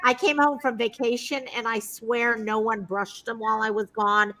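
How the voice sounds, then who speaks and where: A woman hosting a casual livestream chat, bubbly and quick to laugh. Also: on the high side, flat delivery, heavy background noise. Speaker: livestream host. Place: home, on a live video stream.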